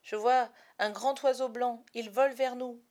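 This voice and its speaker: A woman reading a storybook aloud, voicing an excitable, easily frightened young boy who cries out in a shrill voice. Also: measured pace, lightly acted. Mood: excited.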